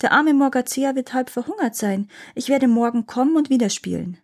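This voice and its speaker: A bright, eager young shepherd boy from a storybook, clever and brave, raising his voice to plead, as a woman reader puts him on. His voice sounds soft and a little husky. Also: sits high, expressive, fairly quick, voice pushed up.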